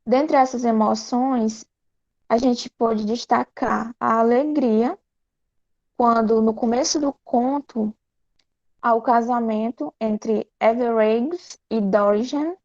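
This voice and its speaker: A woman with a Brazilian Portuguese accent presenting a tale in class in a measured way, with light fillers. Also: on the high side, steady tone, a little mellow. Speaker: student presenter. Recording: dull lo-fi recording.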